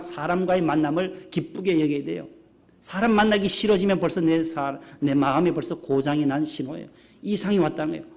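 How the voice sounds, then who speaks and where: A middle-aged pastor delivers a church sermon in a somewhat high, gravelly voice. He keeps it lively, firing questions at the congregation and acting out friendly greetings. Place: church sanctuary.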